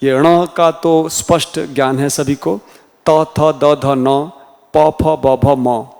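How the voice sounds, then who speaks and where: A man teaching a Hindi class in a slow, deliberate way with a Rajasthani accent, sounding out each letter one by one. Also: a little high, steady tone, darkish tone, faint music behind. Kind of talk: classroom lecture. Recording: reverberant room sound.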